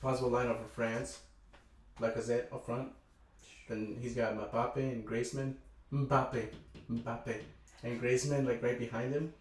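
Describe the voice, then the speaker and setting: A man's voice: medium pitch, little pitch movement, unhurried, pauses often, heavy reverb, recorded from a distance. A man co-hosting a casual podcast chat, laid-back and stumbling over names as he talks through a list. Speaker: podcast co-host.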